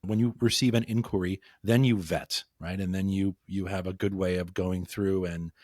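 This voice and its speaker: A man's voice: sits low, steady tone, normal speed, a little mellow, no echo, clean studio sound. A man co-hosting a business podcast who talks in a wry, sarcastic way and often restarts his sentences. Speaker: podcast co-host. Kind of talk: casual business chat.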